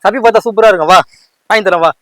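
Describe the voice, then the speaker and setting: A man's voice: sits high, very fast, over loud music. A man playing a drunk street rowdy in a prank. He slurs, needles his target and keeps repeating himself.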